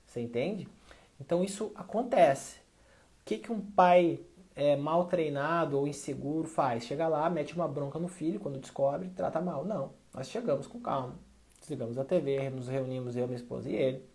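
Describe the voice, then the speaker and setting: A man's voice: a little high, normal speed, a little mellow. A man talking straight to camera as a parenting educator, conversational and often checking in with short tag questions. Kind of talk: direct-to-camera advice talk.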